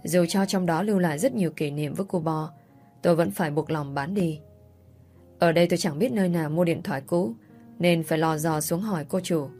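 A woman reads a first-person story aloud in a lowish, sorrowful voice, steady and confessional. Faint music plays under the narration. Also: brisk.

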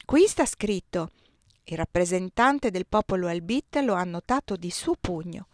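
A woman reading aloud and voicing a polite, ironic young official in a slightly lowered, measured voice. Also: expressive, no room sound, clean studio sound, natural voice. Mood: calm. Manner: lower, quieter, measured delivery.

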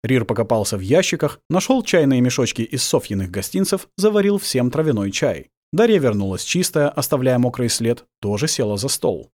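Expressive male audiobook narrator. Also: medium pitch, fairly quick, few pauses, dry recording, studio quality.

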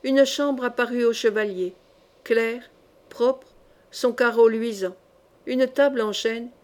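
A woman reading a historical novel aloud as an audiobook narrator, in a measured, expressive manner. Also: a little high. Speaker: audiobook reader.

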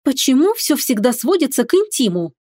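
A woman reading an audiobook, voicing a proud, sharp-tongued young witch heroine who talks in a defiant, mocking way. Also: on the high side, lively intonation, moderate pace, no room sound, clean studio sound. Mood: indignant.

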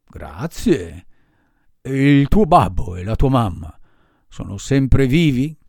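A man voicing a gruff, blustering bearded puppet master with a raspy, rattling voice. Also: sing-song, slow, a little mellow, dry recording, clean studio sound, exaggerated voice. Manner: blustering, booming and drawn out.

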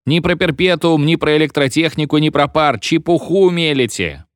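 A man's voice: a little high, lively intonation, moderate pace, no echo, studio quality, voice pushed up, lightly acted. A man voicing a whiny, defiant young student ranting at his teacher. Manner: whining, then defiantly ranting. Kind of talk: audiobook reading.

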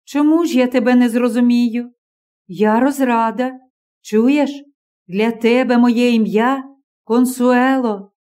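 A woman reading the part of a gentle, patient young woman in an audiobook, calm and coaxing. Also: on the high side, slow pace.

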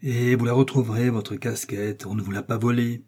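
Stern schoolmaster, put on by a man: higher, clipped orders, dark husky tone underneath, irritable. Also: normal speed. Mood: stern commands. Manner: sharp raised commanding voice.

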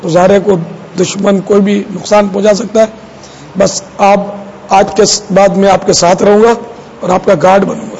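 A man's voice: high voice, flat delivery, creaky, a little mellow, lo-fi sound, slight background noise. A man preaching in a conversational storytelling style, addressing his audience. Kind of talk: sermon storytelling.

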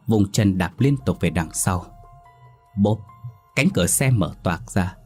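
Husky-voiced man narrating horror. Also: low-pitched, darkish tone. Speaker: storyteller.

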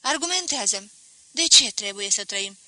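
A shaken, ashamed young man, voiced by a female reader speaks in a sharp, very bright tone. The recording is dry, with no room sound. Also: medium pitch, lively intonation, no room sound. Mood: desperate.

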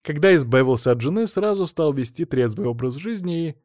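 A man's voice: fairly high pitch, expressive, a little fast, darkish tone, no echo, clean studio sound, voice pushed up, close to an everyday voice. A man voicing a cold, cutting woman. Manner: cold, curt, scornful. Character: cold, sharp-tongued middle-aged woman.

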